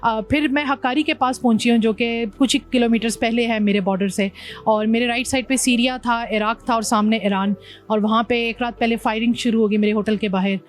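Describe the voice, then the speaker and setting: A woman's voice: fairly high pitch, steady tone, a little fast. A woman from Pakistan, a motorbike traveller, telling her journey in an interview, mixing English words into her speech. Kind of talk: interview conversation.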